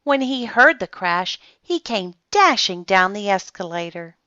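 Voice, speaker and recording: A woman narrates a picture book in a bright, crisp-edged voice. Her delivery is animated and dramatic, with slow, deliberate phrasing. The recording is close and dry, if slightly dull. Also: medium pitch, no room sound. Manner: dramatic, deliberate pauses and emphasis. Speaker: read-aloud storyteller. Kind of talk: expressive children's storybook narration.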